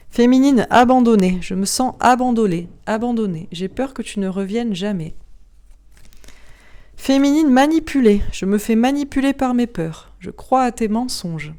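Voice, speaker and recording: A woman's voice: medium pitch, warm tone. A woman reading oracle cards aloud for viewers. She names each card, then plainly reads its short first-person message.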